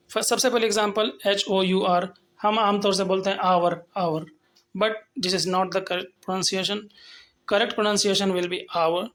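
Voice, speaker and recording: A man teaching English pronunciation, explaining step by step and slowly sounding out example words. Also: high voice, a bit bright. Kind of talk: lecture on phonetics.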